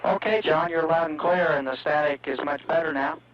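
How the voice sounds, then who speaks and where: Guy calling a spacecraft from mission control, muffled radio w/ cordless phone type static, slightly high voice. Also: fairly even intonation, fairly quick. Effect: two-way radio with static. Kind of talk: procedural radio call to spacecraft.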